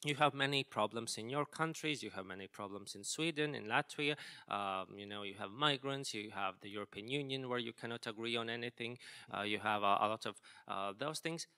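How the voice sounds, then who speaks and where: A man speaking as a panelist, hesitant and filling pauses with many ums and uhs. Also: medium pitch, sharp tone, smooth. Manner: hesitant, many filler sounds. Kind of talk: panel discussion remarks.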